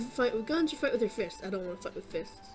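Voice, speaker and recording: A woman casually narrating her gameplay, rambling with lots of fillers and casual swearing, clearing her throat and coughing often. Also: a little high, expressive, brisk, music in the background. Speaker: gaming YouTuber.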